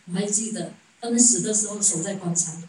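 Mellow-voiced woman teaching a sermon. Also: medium pitch, brisk, a little hiss or hum. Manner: chuckles often, asks rhetorical questions. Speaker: Buddhist dharma teacher. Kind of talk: storytelling sermon. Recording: echoey room, distant mic.

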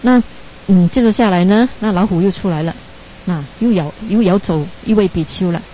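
Mellow-voiced woman teaching meditation. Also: mid-range voice, fairly quick, slight background noise, low-quality recording. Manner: chatty, ends phrases with tag particles, laughs at own slips. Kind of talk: Buddhist dharma talk with storytelling.

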